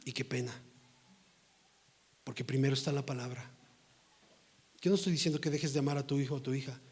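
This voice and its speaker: A middle-aged man preaching a sermon as pastor, emphatic and scolding, rising to forceful outbursts. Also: medium pitch, steady tone, fairly quick.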